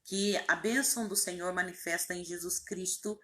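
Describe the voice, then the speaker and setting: Bright fervent woman praying. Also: fairly low pitch, fairly even intonation, moderate pace. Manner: repetitive invocations, rising emphatic phrases. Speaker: pastor leading prayer. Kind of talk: fervent spoken prayer.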